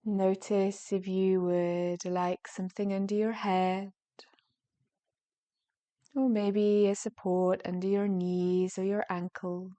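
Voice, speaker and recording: This female yoga nidra meditation guide speaks at a mid pitch and very unhurriedly, soft and soothing, with breathy phrase endings and a relaxed, warm tone. Her phrases are gentle and drawn out, separated by long pauses.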